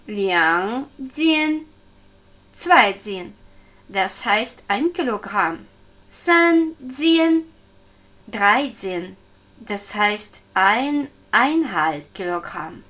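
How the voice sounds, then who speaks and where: A woman giving a scripted language lesson, speaking slowly and deliberately and repeating each word for practice. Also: mid-range voice, sing-song, bright, forceful tone. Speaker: language teacher. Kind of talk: slow scripted lesson narration.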